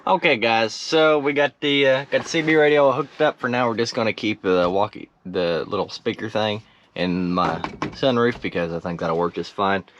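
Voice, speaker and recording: In and around the truck he's restoring, a teenage man jokes about himself and mimics sounds while chatting casually to his audience. His lowish voice is a bit bright and moves at a moderate pace, though the high frequencies are cut off. Clicks and clear background noise are audible.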